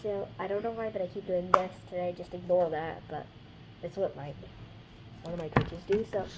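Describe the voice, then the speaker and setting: Slightly hoarse chatty female craft host. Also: lowish voice, steady tone, moderate pace, heavy background noise. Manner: chatty, rambling, trails off mid-sentence. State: slightly hoarse, losing her voice. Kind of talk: casual how-to chat.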